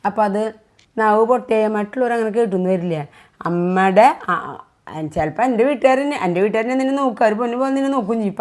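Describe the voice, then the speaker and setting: Fast-talking lecturing mother. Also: medium pitch, darkish tone. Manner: earnest lecturing tone, repeats points. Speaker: mother vlogger. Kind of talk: casual family vlog conversation.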